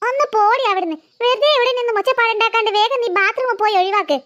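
A defiant, taunting little cartoon sister, voiced by a woman, very high and bright. Her voice is shrill and childish. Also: fast, dull audio. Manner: taunting, defensive.

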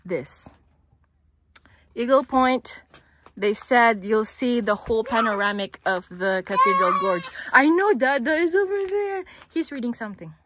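A woman's voice: a little high, animated, unhurried, a bit bright, no room sound. A woman chatting casually as she vlogs a hike outdoors, laughing often and cooing to her baby along the way. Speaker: travel vlogger. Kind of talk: casual vlog narration. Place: outdoors on canyon trails.

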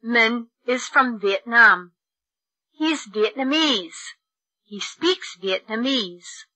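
A woman reads lesson sentences slowly and precisely in a bright, slightly high voice. The recording is dry, with no room sound. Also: lively intonation, no room sound, poor audio. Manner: slow, precise enunciation for learners. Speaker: textbook audio reader. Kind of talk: slow, clear textbook reading.

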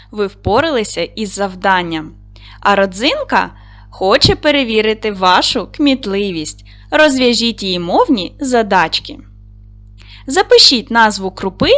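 A woman's voice: medium pitch, big pitch swings, measured pace, a bit bright. A woman teaching a recorded lesson to young schoolchildren, asking them questions, answering them herself and praising them often.

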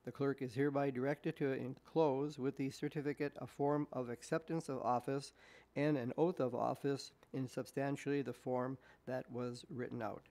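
A man reading official resolutions aloud at a school board meeting in a measured, deliberate way, speaking into a desk microphone in a meeting room. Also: mid-range voice, fairly even intonation, warm tone.

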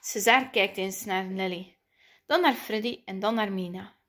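A woman reading a children's picture book aloud, lively and playful. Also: medium pitch, a little slow. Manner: lively, playful voices for the characters. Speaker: storybook reader.

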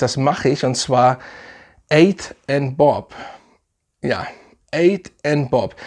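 A man's voice: a little high, a little mellow. A man casually reviewing fragrances for his channel, enthusiastic and rambling, with many fillers and restarts.

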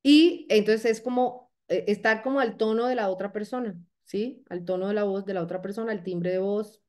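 A woman at a middling pitch leads a motivational training session for her sales team. She coaches directly and checks in often with short questions to keep her listeners engaged. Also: moderate pace, a little mellow.

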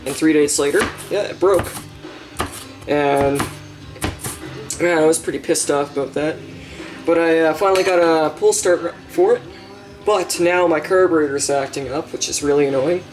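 A man's voice: a little high, fairly even intonation, normal speed, long pauses. A young man chatting casually while cooking in his home kitchen, rambling with lots of fillers and the odd swear word. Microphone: handheld camera mic. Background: music playing in the kitchen.

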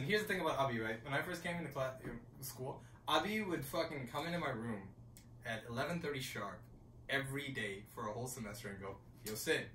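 Young male stand-up, bright and sharp, loud and profane, heard from across an echoey bedroom. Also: mid-range voice. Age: young adult. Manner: loud, swearing, swings from mutters to shouts. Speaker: stand-up comedian. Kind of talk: stand-up set for friends. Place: bedroom with a few friends. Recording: echoey bedroom, mic at a distance, faint background noise.

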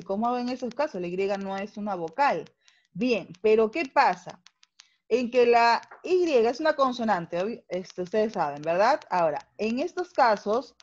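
A woman teacher with a Peruvian Spanish accent talks slowly and deliberately, stopping often to check that her students follow. Her voice comes through muffled, lo-fi video call audio. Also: fairly high pitch. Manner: patient, explanatory, checks understanding with tag questions. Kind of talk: online class lecture.

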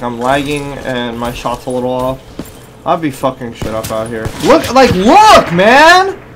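A man's voice: mid-range voice, a little hiss or hum. A young man doing casual gameplay commentary in a sweary, slangy, complaining way. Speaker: gaming video host.

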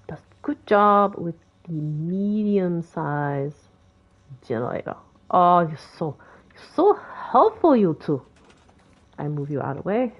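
A woman with a Boston accent gives rambling, chatty commentary for a game tutorial video she created. Her voice is lowish, and the recording sounds muffled.

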